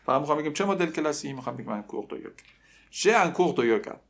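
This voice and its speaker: A young man teaching a language lesson, slowly repeating phrases and conjugating verbs aloud, with joking asides. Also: fairly high pitch, animated. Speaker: French teacher.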